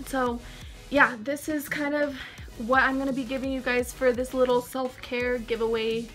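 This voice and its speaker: A woman's voice: high voice, little pitch movement, normal speed, a bit bright, soft background music. A young woman with a Valley girl accent, chatting casually and upbeat to her vlog viewers, full of likes and ums. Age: young adult. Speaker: vlogger.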